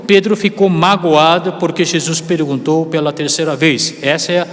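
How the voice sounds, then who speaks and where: A man preaching a sermon as pastor, a native Korean speaker, rising loud and slowing down for emphasis. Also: on the high side, fairly even intonation. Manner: rises loud and slows down for emphasis. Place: church sanctuary. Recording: long hall reverb.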